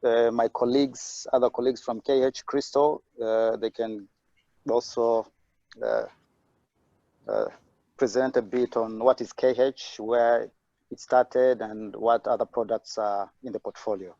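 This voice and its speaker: A man's voice: medium pitch, measured pace, gravelly, warm tone, no echo. A man speaks over an unstable video-call connection, his voice dull and lo-fi. The audio is dry with no room sound. He talks hesitantly and fills gaps with "uh" and "um". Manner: hesitant, many fillers. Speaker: webinar presenter. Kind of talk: online presentation.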